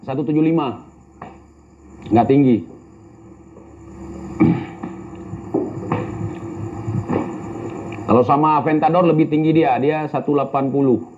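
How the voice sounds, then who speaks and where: A man's voice: fairly high pitch, fairly even intonation, slow, pauses often, warm tone, muffled recording. An Indonesian man and YouTuber with an Indonesian accent, bantering and mocking as he reads out viewer comments. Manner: mocking, brash, slangy. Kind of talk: casual banter reading comments.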